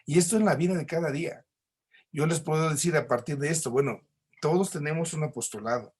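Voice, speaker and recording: A man's voice: a little high, fairly quick, a little mellow, breathy edge. A man with a Mexican accent teaching a recorded church class, explaining patiently with homely examples and frequent tag questions.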